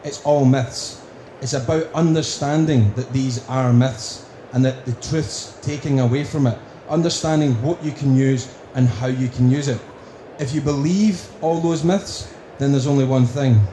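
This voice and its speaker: A man with a broad Scottish accent giving a prepared conference talk, speaking deliberately in emphatic lists. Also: mid-range voice, mellow. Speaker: conference speaker, company director. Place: indoor conference room. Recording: roomy, echoing venue with faint noise.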